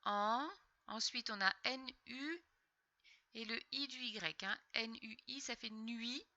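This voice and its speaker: A woman teaching young children to read, slowly and patiently sounding out letters and syllables, with a slightly sore throat. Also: a little high, sharp tone, dry recording, lo-fi sound. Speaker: primary school teacher. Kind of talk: recorded reading lesson for young children.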